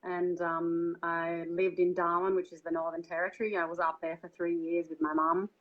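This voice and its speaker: Guest, Australian woman, relaxed rambling storyteller, monotone delivery, muffled remote line. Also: on the low side, moderate pace. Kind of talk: casual interview conversation.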